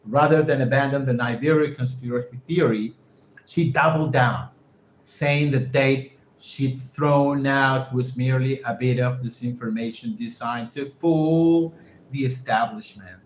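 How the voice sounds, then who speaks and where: Man with a Spanish first language, reading English haltingly, teaching vocabulary, echoey room, faint hum behind. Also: medium pitch. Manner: reads haltingly, stops to define words and repeat pronunciations. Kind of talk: reading a text aloud and explaining vocabulary.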